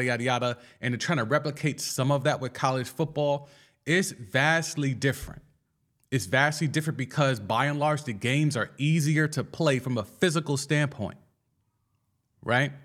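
A man hosting a casual sports podcast, talking in an animated and slangy way and firing off rhetorical questions. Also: medium pitch. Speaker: podcast host.

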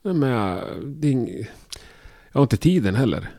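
A man's voice: medium pitch, very animated, gravelly, warm tone, no room sound, studio quality. A man hosting a podcast interview, conversational and asking short questions. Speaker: podcast host. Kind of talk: casual interview.

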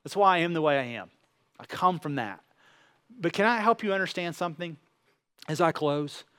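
A man's voice: on the high side, expressive, normal speed, a bit bright, clean tone. A man giving a sermon, speaking earnestly and directly to listeners with rhetorical questions and repeated phrases. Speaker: pastor preaching.

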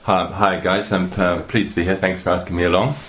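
Man with a New Zealand accent, extremely low voice, halting guest chat, lots of ums. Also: level tone, a bit bright. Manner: hesitant, many fillers and restarts. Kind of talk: casual interview talk.

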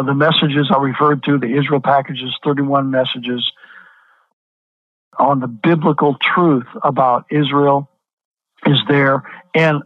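A man's voice: mid-range voice, no echo. A man, a pastor, speaking as a guest in an interview, emphatic and repeating words to press his point. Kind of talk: interview over the phone. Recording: tinny phone line.

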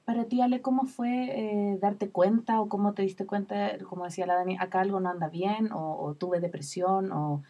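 A woman hosts a casual talk with a mellow, husky voice. She gently asks guiding questions. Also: medium pitch, fairly even intonation, moderate pace, few pauses, highs cut off. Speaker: host. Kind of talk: casual conversation.

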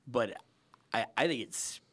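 A man's voice: mid-range voice, unhurried, fairly bright tone, breathy edge. A man co-hosting a casual chat, making jokey asides.

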